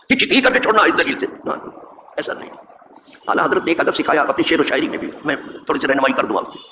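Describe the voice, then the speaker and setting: Animated imam teaching in an echoey mosque. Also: male voice, sits high. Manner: animated, rhetorical questions, recites verse. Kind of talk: religious lesson talk. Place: mosque hall. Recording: echoey hall with background noise.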